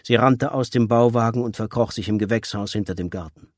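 A man reading a novel aloud as narrator, in measured, even storytelling. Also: lowish voice, no echo, clean studio sound. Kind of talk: scripted audiobook narration.

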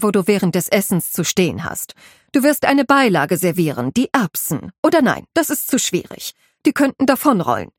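A woman's voice: on the high side, no echo, studio quality, voice pushed up. Woman doing a stern, commanding head housekeeper. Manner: stern, commanding, drilling instructions. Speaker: head housekeeper instructing a maid.

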